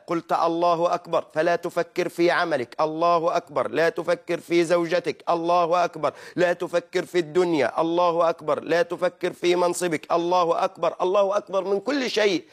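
Animated Egyptian preacher, fairly high voice. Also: male voice. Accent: Egyptian Arabic. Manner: animated teaching, mimics wrong pronunciations, asks and answers own questions. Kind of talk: religious lesson.

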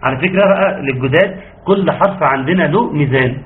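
A man with an Egyptian Arabic accent who teaches Quran recitation in an online class. He stretches out his fillers and slowly demonstrates each sound. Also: a little high. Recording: tinny phone-like line, faint ambience.

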